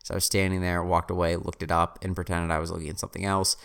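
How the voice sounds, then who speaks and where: A man's voice: deep voice, level tone, quick pace, gravelly, a bit bright, clean tone. A man in his twenties casually telling a story about reselling garage-sale finds, rambling with restarts and wry self-mocking humor. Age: 20s. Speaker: reseller vlogger.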